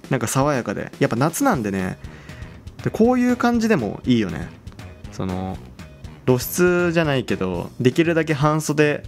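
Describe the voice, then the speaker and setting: A young man chatting casually as he plays a game, excitable and quick to exclaim over what he sees. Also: mid-range voice. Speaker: game channel host.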